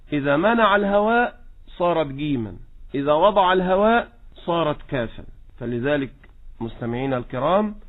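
A man with an Egyptian accent teaching Quran recitation in a radio lesson, slowly demonstrating each example. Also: a little high. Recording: tinny phone-like radio line.

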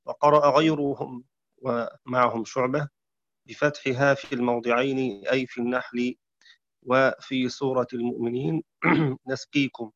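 Flat-voiced man teaching Quran readings. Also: mid-range voice, dry recording, highs cut off. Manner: measured explanatory delivery with chanted verse quotes; clears throat now and then. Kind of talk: religious lecture explaining recitation variants.

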